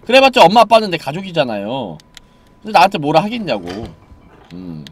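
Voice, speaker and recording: A man streaming a horror game live, chatting and joking with viewers, dropping to mumbles and then yelling in excitement. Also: a little high, brisk, husky, dry recording.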